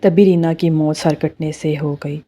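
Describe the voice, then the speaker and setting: A woman narrating a horror story in a plain, steady storytelling manner. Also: low voice, a little slow.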